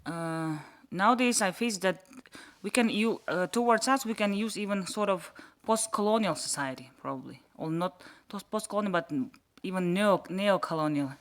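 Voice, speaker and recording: A man from Yakutia, Russia, whose first language is Sakha, speaks haltingly as a panelist in a panel discussion, searching for words. His voice is high and a bit bright.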